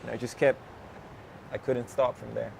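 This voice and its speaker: Twenties rapper guy, raspy fry in his voice, chill chat outside with light street noise. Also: mid-range voice, normal speed. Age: 20s. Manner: relaxed, slangy, laughs often, drifts off topic. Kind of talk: casual interview chat.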